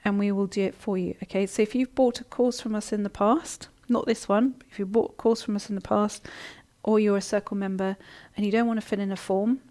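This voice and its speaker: A woman runs a live online coaching session, reading and responding to viewer comments in a chatty, warm-hearted way full of ums and restarts. Her mid-range voice is steady and brisk, with hardly any pauses.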